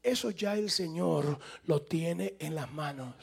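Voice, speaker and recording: A man preaching a sermon as a pastor, with emphatic, animated delivery and acted-out quotes to his congregation. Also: fairly high pitch, slow pace, creaky, husky. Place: church sanctuary.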